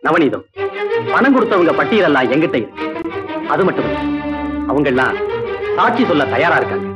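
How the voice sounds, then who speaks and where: An actor playing an honest husband who sternly and bitterly sends his wife away, over loud music on a dull recording. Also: fairly high pitch, very animated, a little fast. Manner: stern, emotional outbursts.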